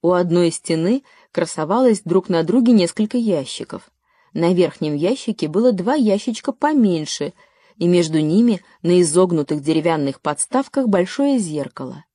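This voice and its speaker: Audiobook narrator: woman, lowish mellow voice, steady read, dry studio sound. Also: normal speed, husky, no room sound. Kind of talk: scripted narration.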